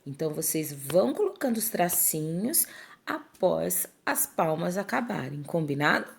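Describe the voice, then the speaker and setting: A woman teacher giving a lesson to schoolchildren, dictating words slowly and checking in with her pupils. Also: on the low side, big pitch swings, a little hiss or hum. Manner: slow, clear dictation, syllable by syllable. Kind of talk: classroom lesson for children.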